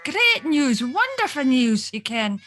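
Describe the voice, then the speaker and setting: A woman's voice: high-pitched, big pitch swings, fairly bright tone, full character voice. A woman voicing an impatient angel messenger with an Aberdeen Scottish accent. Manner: brisk, impatient.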